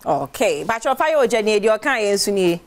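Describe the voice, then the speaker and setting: A woman's voice: mid-range voice, big pitch swings, normal speed. A young adult woman with a Ghanaian accent hosting a morning show, chatting with callers and reading entertainment news. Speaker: radio and TV show host. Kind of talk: casual morning show chat, switching between Twi and English.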